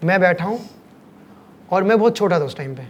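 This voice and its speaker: A man's voice: sits high, a little fast, slight background noise. A man in his late thirties from Haryana, a cricket commentator telling personal stories in a podcast interview, acting out the voices of the people in them. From Kurukshetra, Haryana, India. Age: late 30s. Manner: animated anecdotal storytelling, acting out voices.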